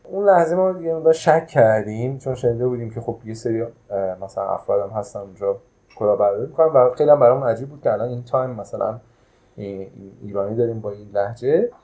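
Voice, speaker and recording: A man tells a personal travel memory in a relaxed, unscripted way, often pausing on long filler sounds. His voice is mellow and dark in tone, sitting at an ordinary middle pitch. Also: low-quality recording. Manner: hesitant, with many drawn-out filler sounds. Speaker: traditional hotel manager. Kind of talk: casual telling of a travel memory.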